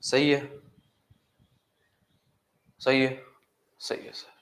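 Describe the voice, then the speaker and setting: A man's voice: mid-range voice, monotone, drawn-out words, a bit bright. A male chemistry teacher in a classroom, asking his students questions and repeating key steps. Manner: addresses students as "beta", asks questions and repeats answers; drills step by step, repeating key words.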